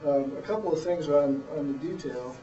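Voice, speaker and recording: A middle-aged man giving blunt, plain-spoken, halting feedback as a judge of a student presentation. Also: fairly high pitch, warm tone, slight background noise. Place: room, far from the microphone. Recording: roomy, dull, distant microphone.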